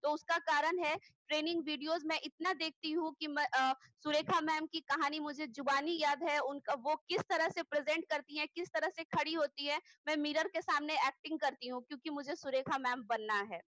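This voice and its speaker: A woman speaking earnestly in an online training session, explaining points step by step with frequent pauses. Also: high-pitched, fairly even intonation, a bit bright, no room sound, poor audio. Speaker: network marketing trainer. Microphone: video call.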